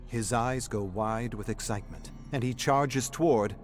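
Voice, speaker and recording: An actor with a medium-pitched male voice narrates a dramatic story in a solemn, measured storyteller's manner, lightly acted. He also voices the characters' dialogue as he recounts a young man's troubled memories, with background music playing beneath the narration.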